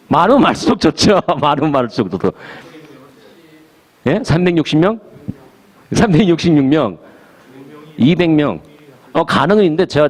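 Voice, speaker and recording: Animated man preaching to a church group. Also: on the high side. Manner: animated, asks the audience questions, laughs often; mixes English words into his talk. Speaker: pastor. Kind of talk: lively talk to a small church audience.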